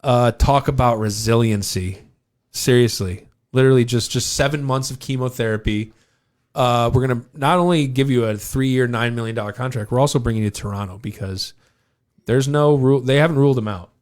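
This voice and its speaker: A man's voice: mid-range voice, brisk. A man co-hosting a podcast, talking sports in a laid-back way and getting fired up about players. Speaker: podcast co-host. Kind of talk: casual sports chat.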